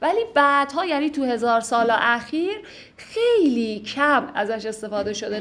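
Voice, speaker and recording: A literature teacher explains classical poetry to her class line by line, offering patient, lightly humorous commentary and reciting the verses slowly. Her voice is on the high side.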